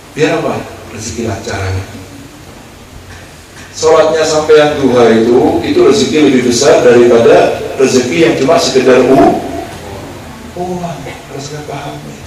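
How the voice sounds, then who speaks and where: A man's voice: medium pitch, a little mellow. A man preaching a sermon to a gathered crowd, urging them on and checking that they understand. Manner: exhorting, asks the crowd "paham ya?". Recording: very echoey, far from the mic, with noise.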